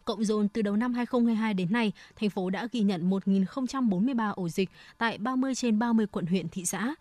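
A woman's voice: mid-range voice, fairly quick, a little mellow, dry recording, soft background music. Woman reading scripted news, dry sound. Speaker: radio news presenter.

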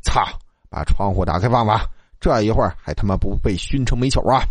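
A man's voice: lowish voice, fairly quick, no echo, pitched below the performer's own voice, close to an everyday voice. A man voicing a crude, easygoing male college student who swears and talks coarsely. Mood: irritated.

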